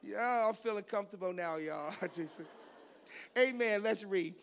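A raspy-voiced pastor in his fifties gives a teaching sermon, mixing scripture reading and prayer with goofy, joking asides. His voice is high and his pace moderate.

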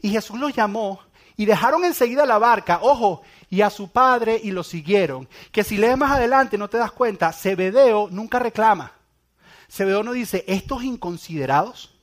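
High-voiced dramatic preacher man. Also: normal speed. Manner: dramatic, shifts from loud emphasis to hushed near-whispers. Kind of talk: sermon.

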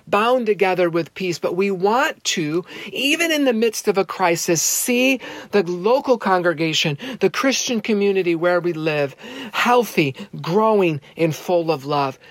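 A man preaching a sermon as pastor, earnest and emphatic, slowing down to stress key words and repeating phrases for effect. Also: sits high, no room sound.

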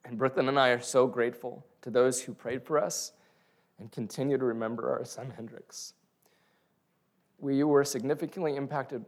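A man reading a prepared religious testimony aloud, including scripture. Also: mid-range voice. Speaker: speaker sharing testimony.

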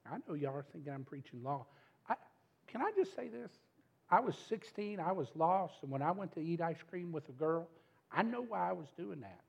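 Emphatic middle-aged preacher. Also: male voice, fairly high pitch, lively intonation, moderate pace, creaky, breathy edge, muffled recording. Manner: emphatic, addresses the congregation directly. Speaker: pastor. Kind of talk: sermon.

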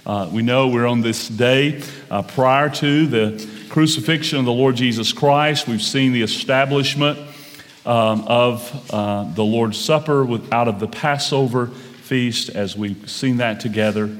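A man preaches at a pulpit microphone, his voice carrying a long reverb through a church sanctuary. His speaking pitch is in the ordinary middle range for a man. He moves through the sermon in a measured way, slowing on key phrases and filling pauses with "uh" and "um". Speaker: pastor.

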